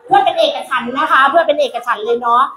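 A woman's voice: high-pitched, very fast, bright, forceful tone. A woman coach hosting a live stage event, emceeing in a playful, teasing way that often breaks into laughter and calls out to the room. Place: large event hall with an audience. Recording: echoey hall with crowd noise.

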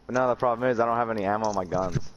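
A man's voice: lowish voice, rapid-fire, muffled recording, slight background noise. A young man chatting casually over a game, needling others in a laid-back frat-bro way with dude and man. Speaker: online game player. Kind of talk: casual game-chat banter.

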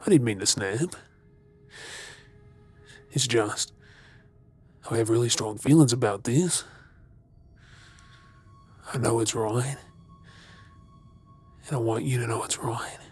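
Man acting a creepy, slow-talking stalker, ASMR role-play. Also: mid-range voice, breathy edge. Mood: apologetic, insistent. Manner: creepy, slow, hesitant pauses with mocking softness. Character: creepy obsessive male stalker captor, menacingly tender.

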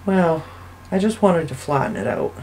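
A woman hosting a soap-making channel, giving a casual, chatty voice-over that rambles and thinks out loud as she goes. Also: sits low, expressive, moderate pace, rough recording. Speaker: soap maker and channel host. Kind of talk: casual voice-over narration of a craft video.

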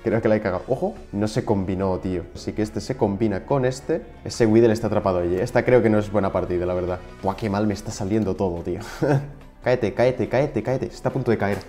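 Young male gaming creator, Spain Spanish accent, relaxed mellow voice, casual excitable play-by-play with frustrated outbursts. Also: lowish voice, quick pace, soft background music. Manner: excitable, shouts in frustration at the game. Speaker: gaming YouTuber. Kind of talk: casual gameplay commentary.

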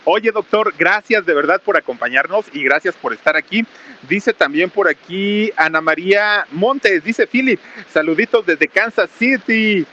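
A man's voice: sits high, normal speed, pushed and bright, highs cut off. A man hosting a live stream outdoors under a small roof in heavy rain, reading out viewer greetings in a raised, casual voice. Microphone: camera mic with crew nearby.

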